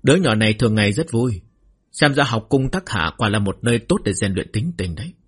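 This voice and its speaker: A man voicing a stern old marquis, head of his house, speaking in a measured, probing way. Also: lowish voice, lively intonation, slightly rough.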